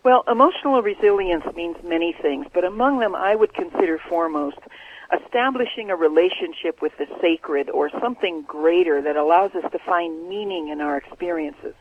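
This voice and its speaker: A man, an author, answering interview questions in an earnest, measured way over the phone. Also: high voice, slight background noise. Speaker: author guest. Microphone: telephone. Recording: tinny phone line.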